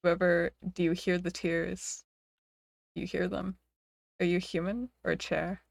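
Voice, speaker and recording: A woman's voice: fairly low pitch, level tone, measured pace, creaky, no echo, studio quality. A woman streamer in casual chat, rambling, giggling often and playfully dramatizing her reactions.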